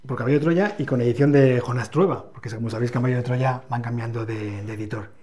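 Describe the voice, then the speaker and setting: A man with a Spain Spanish accent co-hosting a book channel, summarizing novels in a measured, explanatory way. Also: mid-range voice, warm tone. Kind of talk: book review chat.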